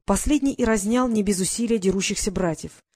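A woman reads a novel aloud in an even, steady storytelling voice. Her pitch sits in a middle range, and the recording is dry and close, with no room sound. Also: fairly quick, no room sound. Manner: steady storybook reading, quietly acts out the dialogue. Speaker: audiobook narrator. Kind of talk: scripted narration.

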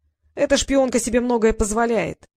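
A woman reading the part of a suspicious, sharp-tongued teenage boy in an audiobook, cold and mocking in manner. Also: on the high side, moderate pace, voice pushed up.

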